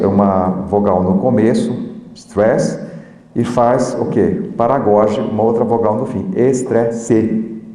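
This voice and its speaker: A mellow-voiced Brazilian man with a Brazilian Portuguese accent teaches a university class, explaining step by step and checking that his listeners follow. His voice rings through a large, echoey lecture hall with a long reverb tail. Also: mid-range voice. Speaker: linguistics professor.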